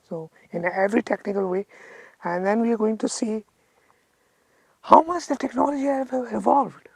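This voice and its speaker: North indian lady doing a casual camera vlog, raspy n creaky, kinda halting, thinks out loud. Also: fairly low pitch, no echo. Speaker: photography vlogger.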